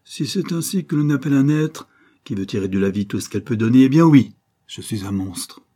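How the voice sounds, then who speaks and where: A cynical, vengeful banker spits scorn and threats in a raspy voice, voiced by a man. The tone is dark and husky, and it rises sharply when he loses his temper. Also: on the low side, lively intonation, fairly quick. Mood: furious. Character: cynical, vengeful middle-aged male banker villain.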